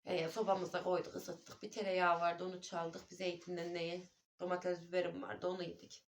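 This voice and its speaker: A woman's voice: lowish voice, little pitch movement, moderate pace, slight background noise. Woman, homey vlogger and mother, talkative, friendly address to viewers, phone-camera sound in a house. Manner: chatty, keeps calling viewers dear friends. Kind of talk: casual home vlog chat. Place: at home indoors.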